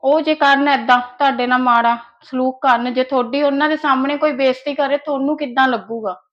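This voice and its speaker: A woman's voice: sits high, steady tone, brisk, fairly bright tone, highs cut off. A woman with an Indian Punjabi accent acting a young daughter-in-law who persuades and pleads to make peace in an amateur family drama skit. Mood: coaxing.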